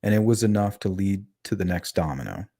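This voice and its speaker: Brisk and expressive, a man with a lisp runs a casual true-crime livestream where he reads chat aloud, chats conversationally and quizzes his viewers. His voice sits low with a dark tone. It's a dry, studio-quality recording.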